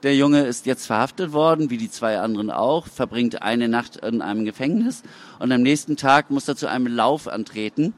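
A man reading his own story aloud in measured, dramatic narration. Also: medium pitch.

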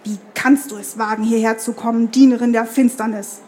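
A woman's voice: on the high side, flat delivery, fairly quick, a little mellow, close to an everyday voice. A woman voicing a hostile male tree warrior who speaks in icy, hissing threats, reading aloud from a fantasy story. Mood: furious.

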